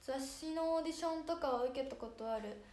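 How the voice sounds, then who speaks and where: A woman's voice: high-pitched, fast talker, darkish tone, slight background noise. A young woman with a Hiroshima accent hosting a casual idol livestream, chatting and thanking viewers by name. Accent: Hiroshima dialect. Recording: echoey room with faint music.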